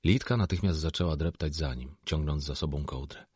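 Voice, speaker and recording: A man narrating a novel as an audiobook, in a measured, even storytelling manner. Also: extremely low pitch, slightly rough, no echo, studio quality. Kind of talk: scripted narration.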